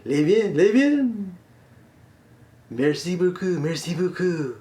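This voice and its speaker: A man voicing an excitable Frenchman who fumbles for words in a mock French accent. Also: high voice, takes it slowly, pitched above the performer's own voice, full character voice. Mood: flustered.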